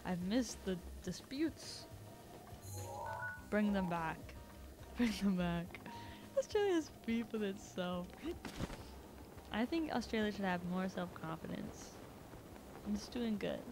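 A woman's voice: medium pitch, lively intonation, slow pace, pauses often. A woman from Canada chatting casually while streaming a video game, rambling and laughing often. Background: video game music.

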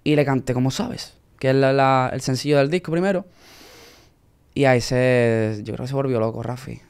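Young guy from spain, accent, telling his story chill, smooth clear voice. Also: medium pitch, moderate pace. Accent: Spanish from Spain. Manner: storytelling, relaxed, uses Spanish slang. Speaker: singer guest. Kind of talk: casual interview.

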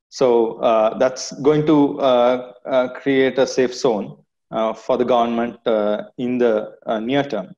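Flat-voiced Sri Lankan analyst on a call. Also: male voice, mid-range voice. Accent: Sri Lankan English. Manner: measured, many fillers and you-knows. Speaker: market analyst panelist. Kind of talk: video call panel discussion. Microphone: video call. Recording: muffled video call audio.

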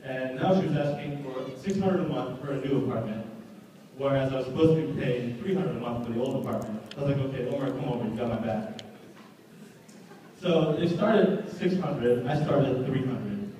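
A man's voice: mid-range voice, expressive, brisk, dark tone, slight background noise. Young guy doing a best man speech, joking stories, far off in an echoey hall. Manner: storytelling, joking, restarts words often. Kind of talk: wedding speech. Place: wedding reception hall.

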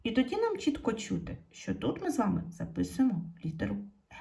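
With a warm, fairly high voice that swings widely in pitch and carries vocal fry, a primary school teacher leads a video lesson. She speaks slowly and patiently to her young pupils, addressing them directly and encouraging them.

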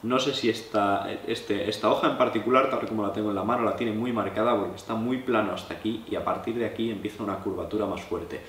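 A young Spanish man from La Mancha, seated at a table in his living room, explains knife sharpening to viewers in a relaxed, chatty way. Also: lowish voice, quick pace, few pauses, reverberant, slight background noise. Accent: Spanish from Spain. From La Mancha, Spain. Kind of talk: hands-on tutorial, addressing viewers.

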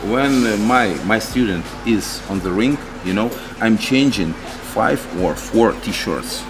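Earnest low-voiced boxing coach. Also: male voice, background noise. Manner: halting, searching for words, earnest. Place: open-air boxing gym.

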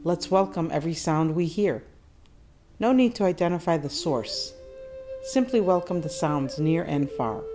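A woman guides a meditation in a low register, calm and deliberate, pausing often. Her soothing, measured voice sits over clearly audible music.

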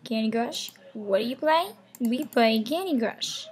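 Sore-throated and losing her voice, a young gaming host chats through gameplay on her webcam at home. Her voice is a little high and animated yet unhurried, and her casual talk wanders into half-whispered, rambling asides.

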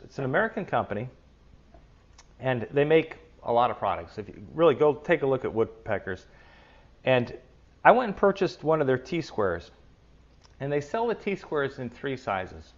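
The woodworking channel's host, a middle-aged man, talks in a mid-range voice, friendly and excited while he shows a tool in his kitchen at home. The sound from his lapel mic is dull.

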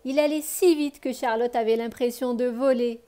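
A woman reading a children's picture book aloud, telling it expressively for young listeners and then softly asking them questions. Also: fairly high pitch. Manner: expressive, slow storytelling for children; soft, gentle address to the child listener. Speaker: children's storyteller.

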